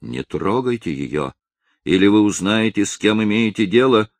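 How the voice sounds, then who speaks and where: A man's voice: fairly low pitch, animated, moderate pace, no echo. A man voicing a poor but proud old father who speaks sternly and with indignation.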